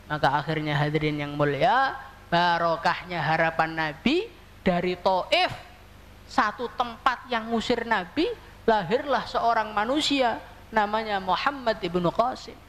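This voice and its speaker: A man's voice: high voice, a little slow, a bit bright. A young man preaching an evening sermon in a mosque, emphatic and putting rhetorical questions to the congregation. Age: young adult. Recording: reverberant mosque hall, faint noise.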